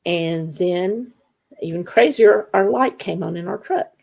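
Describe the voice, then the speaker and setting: Woman guest, raspy and gravelly, low-pitched, casual animated storyteller who acts out quotes. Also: unhurried. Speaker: guest, Bigfoot investigator.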